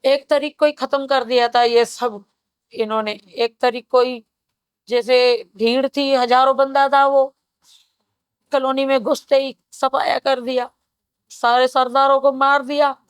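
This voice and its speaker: A woman in her fifties tells her story in a grave, steady way, in short phrases. Her voice sits a little high and stays flat in its melody, smooth and clear. It sounds close and dry, with no room around it. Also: measured pace, no room sound. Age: 50s. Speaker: survivor interviewee. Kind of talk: personal testimony in an interview.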